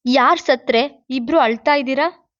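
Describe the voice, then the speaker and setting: A woman reading a novel aloud, voicing a sharp-tongued, defiant young working woman in a raised voice on a dull, dry recording. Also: high voice, a little slow, no room sound, pitched above the performer's own voice. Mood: impatient. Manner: blunt and scolding.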